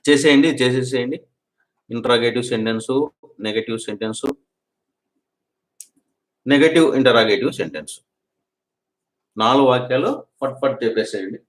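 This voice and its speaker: The recording sounds roomy as a medium-pitched man with a Telugu accent teaches English grammar. He works through example sentences, says each one again, and tells his students to practise quickly.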